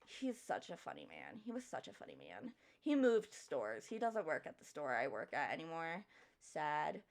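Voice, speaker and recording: A woman's voice: low-pitched, moderate pace, gravelly. Sassy young woman telling a story. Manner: sassy, swears freely, lively retelling. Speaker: streamer. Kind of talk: casual storytelling chat.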